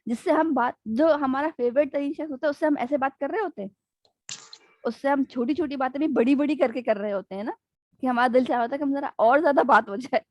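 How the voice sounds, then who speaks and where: A woman's voice: sits high, dry recording. A woman giving an interactive online religious lesson. She talks conversationally, keeps checking in with her listeners, and acts out little everyday scenes. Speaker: Islamic studies teacher.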